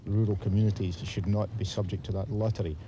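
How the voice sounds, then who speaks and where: Male commentator, opinionated interviewee. Low register, articulate and emphatic, noisy recording. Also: level tone, fast, lo-fi sound.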